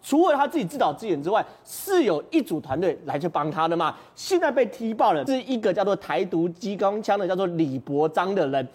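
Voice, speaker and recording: A man's voice: sits high, big pitch swings, brisk, few pauses, darkish tone, slightly rough. A man with a Taiwanese Mandarin accent, a talk show commentator, making his points emphatically and posing rhetorical questions. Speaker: political commentator.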